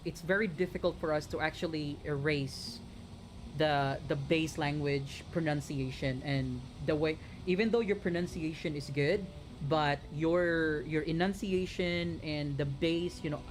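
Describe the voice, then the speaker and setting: A streamer from the Philippines talks casually to a live chat at a middle pitch. The delivery rambles, doubles back on itself and addresses viewers directly, with a faint noise underneath. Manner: chatty, rambling with many restarts, talks straight to viewers. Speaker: gaming streamer.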